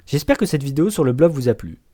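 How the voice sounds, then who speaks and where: A man reading scripted science narration in the measured, explanatory manner of a nature documentary. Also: on the high side, big pitch swings, mellow, no echo, studio quality.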